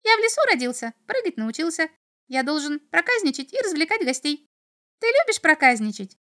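A woman voicing a small, mischievous male imp who chatters rapidly in a singsong way. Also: high voice, sing-song, bright, forceful tone, pitched above the performer's own voice, full character voice. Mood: playful.

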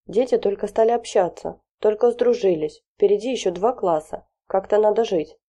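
A woman's voice: mid-range voice, normal speed, dark tone, voice pushed up, natural voice. Woman voicing a fretful fussy mother. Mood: pleading. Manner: fretful, pleading, flustered. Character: fussy anxious middle-aged mother.

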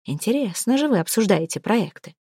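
A protective, hot-tempered young man who keeps his anger low and clipped, as a woman reading the story puts him on. His lines come out short and quiet. The recording is dry and close. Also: sing-song, a little fast, breathy edge, dry recording. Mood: annoyed.

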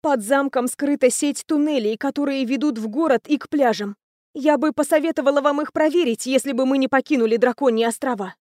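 A woman reading aloud, voicing a proud young captive princess whose voice is hoarse and weak. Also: high-pitched, fairly quick, darkish tone, no echo, clean studio sound, close to an everyday voice. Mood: guarded.

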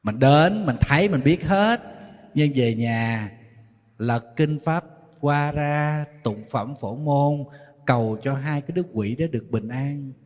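A man, a Buddhist monk with a Southern Vietnamese accent, giving a sermon full of lively stories and acted-out quoted voices. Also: medium pitch, slow pace. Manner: storytelling, acting out quoted voices, teasing. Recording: long hall reverb.

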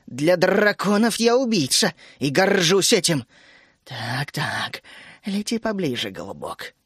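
A man's voice: sits high, lively intonation, moderate pace, fairly bright tone, no room sound, studio quality. Man voicing a ruthless warrior queen. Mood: cold. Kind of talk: audiobook character voice.

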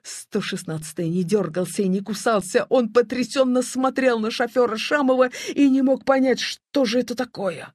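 A narrator reading a children's story aloud in an expressive, animated storytelling manner, close to the mic. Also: mid-range voice, no echo.

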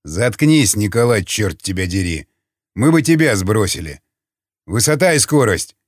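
Male narrator voicing a low, clipped, commanding pilot in an audiobook. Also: sing-song, unhurried, no echo, studio quality. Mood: tense barking. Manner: curt, barking orders. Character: gruff tense male pilot, curt and commanding. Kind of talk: audiobook character voice.

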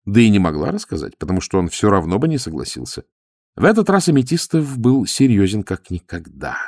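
A man narrating an audiobook expressively, letting his voice drop low on the dialogue tags. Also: big pitch swings, a little fast, darkish tone, dry recording, clean studio sound.

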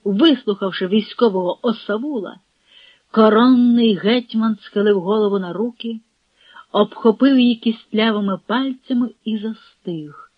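Woman narrating a historical novel, husky. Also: mid-range voice, dry recording, highs cut off. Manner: measured, dramatic reading with quoted dialogue voiced.

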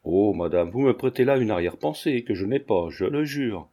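A blasé young gentleman who flatters with exaggerated courtesy, as a man acts him out in an audiobook. His politeness is plainly ironic. The voice is mellow and a touch lowered. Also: moderate pace. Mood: mock-gallant.

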